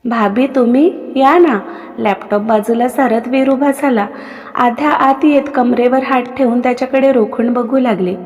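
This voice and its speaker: A woman narrating a romantic story in a steady, expressive reading voice. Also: fairly high pitch, normal speed, big-room sound.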